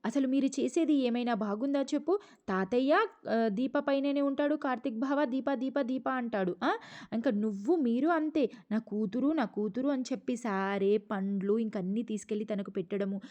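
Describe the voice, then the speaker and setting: Woman acting out a jealous young woman, shrill, accusing, high and loud. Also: moderate pace, close to an everyday voice. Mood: resentful. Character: angry jealous young woman, resentful granddaughter.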